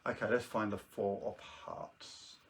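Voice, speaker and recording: A man's voice: fairly low pitch, level tone, a little slow, far from the mic, noisy background. A British man doing jokey kids' party magician patter, presenting tricks on a live show with casual asides to viewers. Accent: British English.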